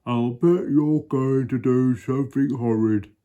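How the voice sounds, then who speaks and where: A man's voice: medium pitch, unhurried, warm tone, muffled recording, pitched above the performer's own voice, natural voice. A man voicing an indignant, disapproving hippopotamus in a children's storybook, exclaiming and scolding. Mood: friendly, suspicious.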